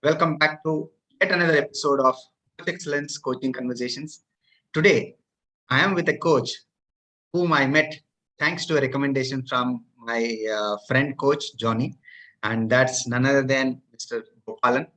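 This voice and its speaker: A man's voice: mid-range voice, moderate pace, fairly bright tone, rough recording. A male host formally introducing and interviewing a coach, polite with some hesitations. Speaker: podcast host. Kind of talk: hosting an interview.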